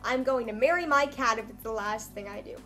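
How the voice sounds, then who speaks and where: Quick and fairly high, with a sharp edge, a young vlogger's voice runs through a casual comedic chat as she reads things she once wrote. She mocks herself wryly along the way, and faint background music is audible.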